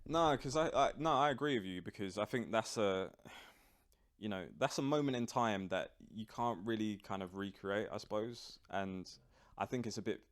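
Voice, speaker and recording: A man's voice: fairly low pitch, normal speed. A man with a London accent, talking casually in a slangy, conversational way. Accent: London British. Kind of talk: casual chat.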